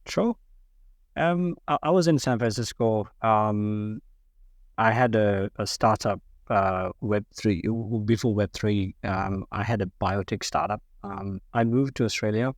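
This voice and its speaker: A man's voice: fairly low pitch, a little slow, dry recording, clean studio sound. A man from Sri Lanka who is a podcast guest, answering casually with many ums and restarts. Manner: hesitant, many fillers and restarts.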